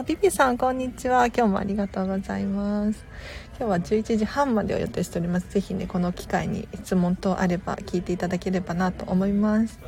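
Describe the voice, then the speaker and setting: A woman hosting a live stream as a tidying consultant, chatting politely and casually with viewers, laughing softly now and then. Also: medium pitch, vocal fry.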